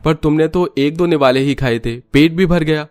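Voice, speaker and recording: A man's voice: fairly high pitch, normal speed, a little mellow, smooth, no room sound, soft background music, lightly acted. A man voicing a poor, weary woodcutter who is a family father and speaks in a humble, pleading tone, in storybook acting. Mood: worried.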